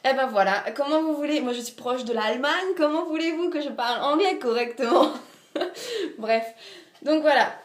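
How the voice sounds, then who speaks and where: A chatty Alsatian woman from Alsace, France, with a high, animated voice and an Alsatian French accent, talks at a moderate pace. She's a book vlogger doing a casual book haul, full of fillers and poking fun at herself. The room sounds echoey.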